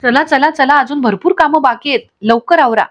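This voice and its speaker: A woman voicing a middle-aged father who hurries everyone along in a brisk way. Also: high voice, lightly acted. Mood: bustling. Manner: hurrying, brisk.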